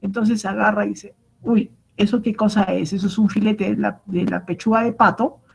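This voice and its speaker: Female cooking teacher, raspy with some vocal fry, patient and explanatory, often checking understanding. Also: mid-range voice, fairly even intonation, moderate pace, low-quality recording. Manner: explanatory, keeps asking "¿correcto?" and "¿no?"; many fillers and restarts. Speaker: culinary instructor. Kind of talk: online cooking lecture.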